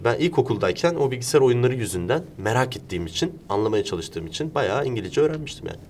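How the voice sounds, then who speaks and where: Male host, casual explainer using examples and questions, average pitch, noticeable rumble behind. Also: sing-song, quick pace, darkish tone. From Turkey. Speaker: interview host. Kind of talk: casual conversational interview.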